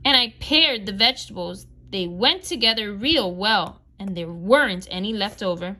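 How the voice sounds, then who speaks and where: A woman's voice: medium pitch, animated, normal speed, pushed and bright. A woman voicing a chatty, literal-minded housekeeper in a storybook read aloud, with homey folksy phrasing. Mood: matter-of-fact.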